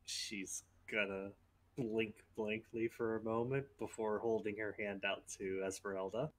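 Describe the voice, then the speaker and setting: A man's voice: lowish voice, steady tone, measured pace. A man playing his character in a tabletop game, speaking plainly and wryly. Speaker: player. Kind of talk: tabletop role-play.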